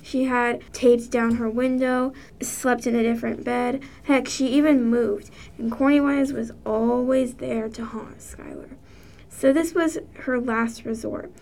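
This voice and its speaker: A woman reading aloud a short spooky story, in a plain, steady storytelling manner. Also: on the high side, measured pace, gravelly. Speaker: story reader.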